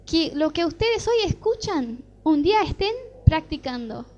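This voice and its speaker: A woman's voice: high voice, a little slow, dull audio. A middle-aged woman with an Argentine Rioplatense accent, preaching a sermon built around a personal testimony. She tells her story vividly and acts out the dialogue as she goes. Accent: Argentine Rioplatense Spanish. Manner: animated storytelling, acting out dialogue.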